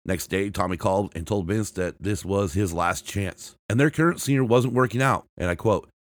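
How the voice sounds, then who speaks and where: Reading rock history from a script at a moderate pace, this low-voiced podcast host is recorded with no room sound. Restarts and self-corrections come often, and quotations are bracketed aloud by "and I quote" and "end quote."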